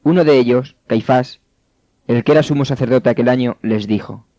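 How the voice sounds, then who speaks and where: A man narrating scripture in a steady, measured way. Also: mid-range voice, dry recording. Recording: dull, dry studio sound.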